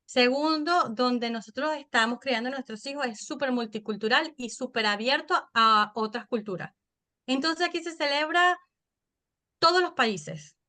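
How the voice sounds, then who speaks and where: A woman in her thirties with a Venezuelan accent, a podcast guest telling stories in an animated, chatty way. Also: a little high. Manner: animated storytelling, quick and chatty. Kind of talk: casual interview chat.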